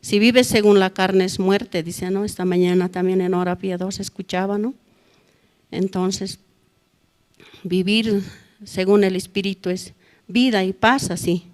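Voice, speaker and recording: A woman's voice: mid-range voice, fairly even intonation, a little slow, a little mellow. A middle-aged woman gives a spoken testimony at a church prayer service, ending nearly every phrase with a questioning "no?". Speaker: church member giving testimony. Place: church hall.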